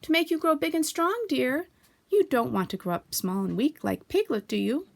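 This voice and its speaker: A woman plays a motherly kangaroo from a storybook, soothing and firm at once. Her voice is fairly high and lilting, with a gravelly edge. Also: very animated, full character voice. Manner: brisk, motherly, firmly soothing.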